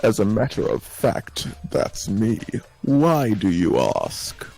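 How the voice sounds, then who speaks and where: A man's voice: lowish voice, huge pitch swings, slow, gravelly, darkish tone, full character voice, low-quality recording. A man voicing an eager young male student who volunteered for cleaning duty, reading game dialogue aloud. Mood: earnest.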